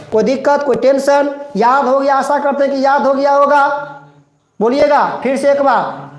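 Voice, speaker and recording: A male teacher gives a live online class, drilling a rule by repeating it and coaxing students by name to recite along. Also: very high-pitched. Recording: echoey room.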